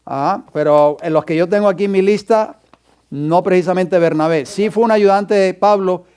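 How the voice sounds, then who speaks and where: Male pastor in a church classroom, high clear voice, teaching and dictating verses to students. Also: normal speed, a little mellow. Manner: quizzes the class and dictates scripture references. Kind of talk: Bible class lecture.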